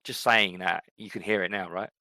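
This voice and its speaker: A middle-aged man co-hosts a podcast, chatting casually in a relaxed, rambling way full of fillers. His voice is low and his pace moderate; the recording is low quality, with no room sound.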